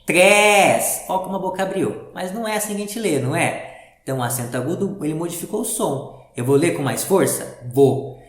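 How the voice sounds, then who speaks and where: A man's voice: on the high side, lively intonation, a little fast, a little mellow. A man teaching a reading lesson to young pupils, explaining patiently step by step and asking the class questions. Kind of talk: primary school reading lesson. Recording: roomy echo.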